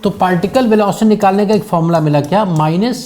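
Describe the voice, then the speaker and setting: A man's voice: high-pitched, fast talker, warm tone. A male physics teacher giving a classroom lecture, patiently quizzing his students as he works through problems.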